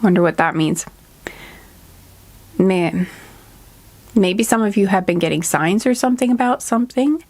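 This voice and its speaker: A woman with a stuffy, congested nose talks through a spiritual reading in a loose, casual way. She keeps drifting off on tangents and correcting herself, with frequent "um"s. Her voice sits at a middle pitch. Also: measured pace, long pauses, a little mellow. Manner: hesitant, many "um"s and self-corrections. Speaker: intuitive card reader.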